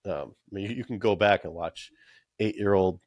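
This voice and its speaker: A man in his thirties hosts a casual podcast interview, talking with many fillers and restarts in a low, darkish voice at a moderate pace. He's in a small room with collectible shelves, using a studio mic with headphones, and there's no room sound.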